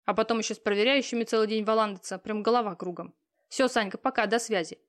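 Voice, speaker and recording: Brisk, bossy mother on the phone, a woman doing the voice in an audiobook. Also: medium pitch, fairly even intonation, close to an everyday voice. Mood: pushy. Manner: curt, pushy, businesslike. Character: brisk busy middle-aged mother on the phone. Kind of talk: audiobook character reading.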